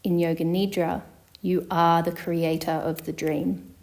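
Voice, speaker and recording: A woman with a slightly low voice leads a yoga nidra practice as a meditation teacher. Her instructions are calm and measured, delivered flat and steady, with long pauses between phrases.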